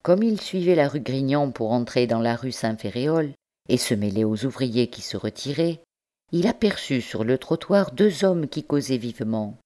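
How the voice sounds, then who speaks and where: A woman reading a novel aloud as an audiobook narrator, slow and measured, lifting her voice for the characters' speech. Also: a bass voice, lively intonation, mellow. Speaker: audiobook reader. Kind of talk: scripted narration.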